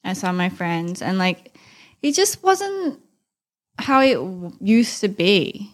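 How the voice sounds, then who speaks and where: A woman's voice: mid-range voice, sing-song, slow. A woman with a mixed Thai-English accent chats casually as a solo podcast host, candid and informal in a rambling way. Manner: candid, informal, rambling, with frequent slang and mild swearing.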